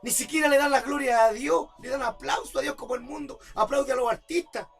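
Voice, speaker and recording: A man's voice: very high voice, fairly quick, gravelly, fairly bright tone, faint music behind. A man preaching a sermon as pastor, repeating rhetorical questions and building to emphatic outbursts. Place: church service.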